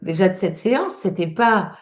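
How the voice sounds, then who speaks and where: A woman's voice: mid-range voice, lively intonation, normal speed. A woman hosting a testimony interview, speaking in an encouraging way with many fillers. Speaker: host and trainer.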